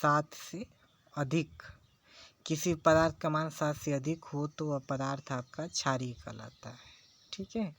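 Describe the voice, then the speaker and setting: A man's voice: fairly high pitch, measured pace, a bit bright, dry recording. A man teaching a lesson, who repeats key phrases and keeps checking in with his listeners. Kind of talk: slow classroom lecture.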